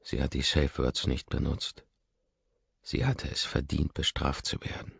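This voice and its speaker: Very deep gravelly male reader. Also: level tone, a little slow, a bit bright, no echo. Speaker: audiobook reader. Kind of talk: first-person audiobook narration. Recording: dull lo-fi dry recording.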